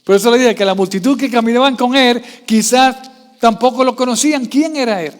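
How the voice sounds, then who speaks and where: Very high-voiced guy preaching in church, keeps firing questions at the crowd, big echoey hall. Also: brisk. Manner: quizzes the congregation with constant questions; swings from soft low asides to loud raised passages. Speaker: pastor. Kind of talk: sermon.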